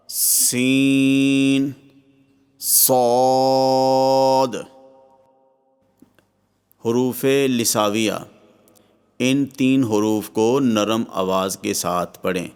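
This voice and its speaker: A man with a Pakistani Urdu accent narrating a scripted lesson on Quran reading, drawing out each Arabic letter slowly and evenly. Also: lowish voice, clean tone. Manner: slow drawn-out recitation of Arabic letters.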